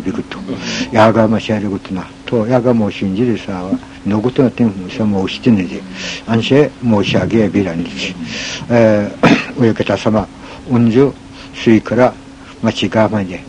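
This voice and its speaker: Okinawan guy spinning an old folk tale, lowish voice, stops and starts a lot, hissy noisy recording. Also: a little mellow. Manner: halting, with many pauses and fillers. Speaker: folk storyteller. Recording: noisy recording with ambient hiss.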